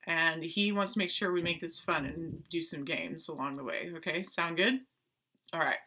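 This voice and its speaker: Bright-voiced woman teaching kids strings. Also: sits low, moderate pace. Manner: animated, talks to kids with pretend play and questions. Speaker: music teacher. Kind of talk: playful online lesson for children. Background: violin notes.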